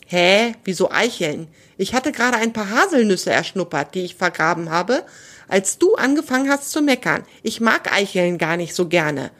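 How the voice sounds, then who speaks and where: A woman voicing a small, excitable male squirrel in a children's storybook reading. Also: mid-range voice, moderate pace. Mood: surprised.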